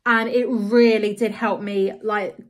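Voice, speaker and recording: A woman's voice: mid-range voice, fairly even intonation, measured pace. A woman talking casually at home into a handheld phone, rambling, with lots of "like" and "you know". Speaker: vlogger. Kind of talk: casual confessional vlog. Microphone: handheld phone camera.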